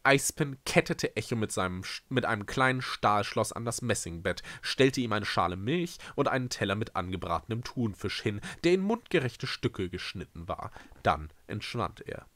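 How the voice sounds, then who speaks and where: A man reading a novel aloud with lively, expressive narration. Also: on the low side, moderate pace, few pauses, no echo. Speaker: reader. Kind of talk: storybook read-aloud.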